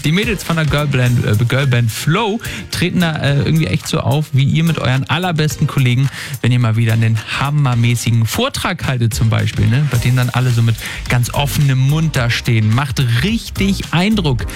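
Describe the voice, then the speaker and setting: A man's voice: medium pitch, lively intonation, a little fast. A man presenting on music radio in casual, colloquial chat. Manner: colloquial, informal.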